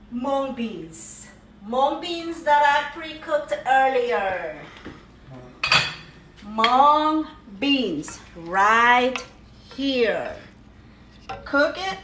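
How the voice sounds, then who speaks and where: Cooking at home, a middle-aged woman keeps up playful chatter and cheery exclamations as she walks through each step for her vlog. Her high-pitched voice sounds pushed and bright. It's picked up from afar in an echoey room with slight background noise.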